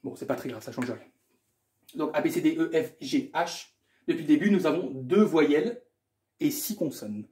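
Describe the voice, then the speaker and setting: Working through a math exam correction as a tutor, a man thinks aloud, repeats words, and tosses in casual asides. His voice is a little high for a man yet mellow and soft-edged, with lively intonation at a normal speed, in a room full of echo.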